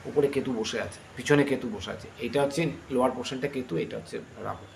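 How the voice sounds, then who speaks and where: A man's voice: mid-range voice, creaky. A middle-aged man with a Bengali accent teaching astrology, earnest and pleading as he explains. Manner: earnest, pleading, chants mantras slowly. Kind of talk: astrology lesson. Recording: echoey room, faint ambient noise.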